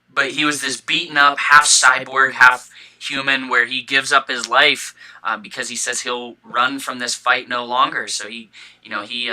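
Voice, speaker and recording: Poor audio captures a young podcast co-host's medium-pitched, sharp voice as he talks excitedly on a casual fan show. He keeps hiccuping, restarting and using fillers.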